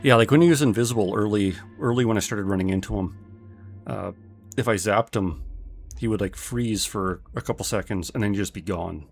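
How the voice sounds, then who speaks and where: A man's voice: lowish voice, fairly quick, gravelly, faint music behind. A man streaming a game, chatting casually with viewers and thinking aloud with lots of fillers.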